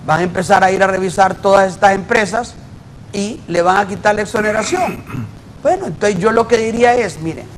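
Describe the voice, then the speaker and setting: A man's voice: high-pitched, lively intonation, brisk, slight background noise, poor audio. A man, a guest auditor explaining his point emphatically in an interview, working through examples. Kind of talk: debate in a TV interview.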